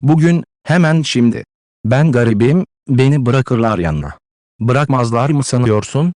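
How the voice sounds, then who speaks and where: A man's voice: mid-range voice, animated, unhurried, darkish tone, no echo, lightly acted. A man voicing a distraught, consumptive widowed mother who pleads and scolds with emotional declamation, in a dry close-miked audiobook read. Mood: defiant.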